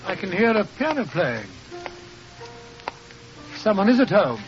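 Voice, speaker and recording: An actor playing a genial, stuffy doctor sidekick in a radio drama, earnest and proper, with a British accent. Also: male voice, high-pitched, very animated, unhurried, faint music behind. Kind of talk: old-time radio drama acting. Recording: muffled, noisy old radio recording.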